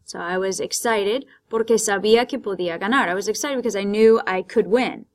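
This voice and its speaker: A woman with a medium-pitched voice speaks at a normal speed as she teaches Spanish vocabulary. In this bilingual lesson, she patiently explains the words in both Spanish and English.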